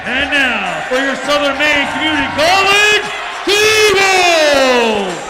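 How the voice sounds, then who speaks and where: A man working as a stadium announcer, shouting hyped lineup introductions and drawing out the names over a PA. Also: very high voice, animated, slow. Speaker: public address announcer. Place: indoor gymnasium over PA system. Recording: echoey noisy gym with crowd.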